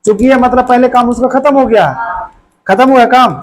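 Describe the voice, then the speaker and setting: A man's voice: extremely high pitch, steady tone, normal speed, poor audio. A man teaching a grammar lesson to a classroom of students, drilling them with constant questions in a colloquial, repetitive way.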